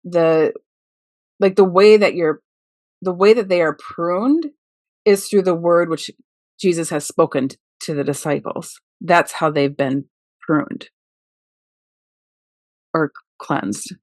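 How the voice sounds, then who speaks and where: A woman works through the meaning of words in a scripture passage, hesitant and full of small fillers. Her voice is somewhat low, and the recording sounds dry and close. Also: slow, long pauses, a little mellow, dry recording. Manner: tentative, many "like" fillers, explains word meanings. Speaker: podcast discussion participant. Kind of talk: casual discussion of scripture.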